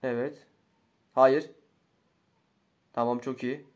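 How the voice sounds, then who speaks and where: A young man, commentating his own gameplay casually, slangy and excitable, swinging between low muttering and loud outbursts. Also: takes it slowly. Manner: slangy, swears often. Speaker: gaming YouTuber.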